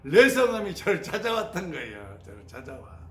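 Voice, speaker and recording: Guy teaching about meditation, high voice that jumps all over, kinda roomy sound. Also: fairly quick. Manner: animated storytelling, imitates sounds. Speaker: spiritual teacher. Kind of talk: spoken teaching on meditation experiences. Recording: roomy sound with faint ambient noise.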